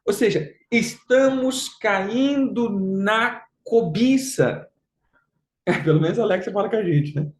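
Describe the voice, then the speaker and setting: A man's voice: high voice, unhurried. A man gives a conversational sermon as a pastor, emphatic and repeating his phrases. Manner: emphatic, repeats phrases, mocks with put-on quotes. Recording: roomy echo.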